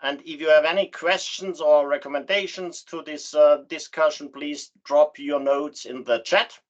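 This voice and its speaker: A man moderating an online roundtable, welcoming people in a halting, formally polite way. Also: fairly high pitch, fairly even intonation. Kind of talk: spoken welcome and housekeeping to an online audience. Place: online video meeting. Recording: slightly dull online call audio.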